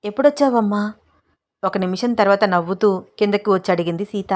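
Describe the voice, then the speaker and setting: A woman narrating a romance story aloud, reading the narration gently and softening for intimate passages. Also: medium pitch, steady tone, fast. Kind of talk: narrated Telugu romance story with voiced dialogue.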